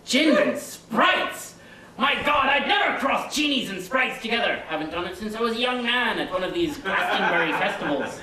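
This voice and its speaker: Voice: medium pitch, animated, moderate pace, bright, forceful tone. A performer playing a boastful, mischievous little male leprechaun, who answers questions with sly wordplay in a comedy sketch. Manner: cheeky, sly, rambling, fond of wordplay. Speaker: interview guest. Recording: echoey room, distant mic, faint noise.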